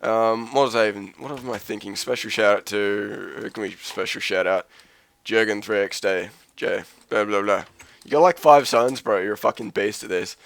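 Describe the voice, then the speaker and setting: A man with a sick voice talks through his gameplay in a loose, rambling way, cursing often and joking at his own expense. His voice sits fairly low and comes through smooth and clear. The recording is dry and close. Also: steady tone, moderate pace, fairly bright tone, dry recording. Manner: rambling, profane, self-mocking. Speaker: Let's Play host. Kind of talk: casual gameplay commentary.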